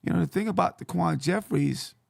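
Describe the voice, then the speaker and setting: A man with a hoarse, yelled-out voice hosts a casual sports commentary, conversational and repeating phrases for emphasis. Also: on the high side, fairly quick, no echo, clean studio sound. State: hoarse voice from yelling. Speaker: sports show host.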